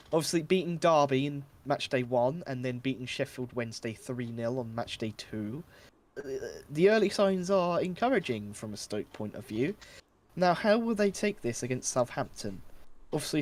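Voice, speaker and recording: A man hosting a casual football predictions chat, measured and a little hesitant with fillers. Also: mid-range voice, animated.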